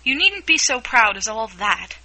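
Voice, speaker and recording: A woman's voice: fairly high pitch, big pitch swings, normal speed, bright, forceful tone, exaggerated voice, rough recording. A woman voicing Alice, a polite, curious young girl who questions and protests a little indignantly in a storybook reading.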